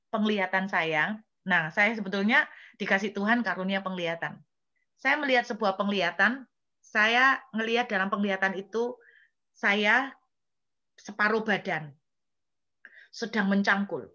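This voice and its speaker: A woman's voice: medium pitch, measured pace, long pauses, bright, forceful tone, dull audio. A woman evangelist preaching a humorous storytelling sermon, often turning to address the congregation.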